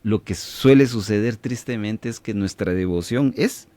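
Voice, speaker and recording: A man's voice: fairly low pitch, measured pace, dark tone, no room sound. A man hosting a radio Bible teaching program with a Latin American Spanish accent, preaching emphatically and putting questions to his listeners. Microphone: studio microphone.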